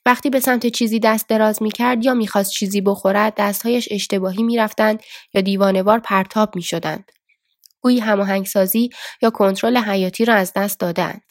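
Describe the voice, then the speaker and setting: A woman narrating a book as a steady, scripted audiobook reading. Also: medium pitch, no room sound, clean studio sound. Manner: steady storytelling.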